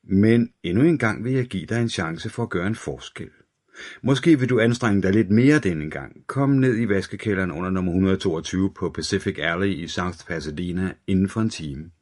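A man voicing a menacing male killer with a metallic voice, speaking slowly and quietly in a taunting way. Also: sits low.

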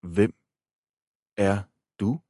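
A man reading an audiobook, voicing a mysterious stranger on the phone with a deep, dark, faint voice who speaks slowly. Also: dry recording, clean studio sound. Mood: wary. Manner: slow.

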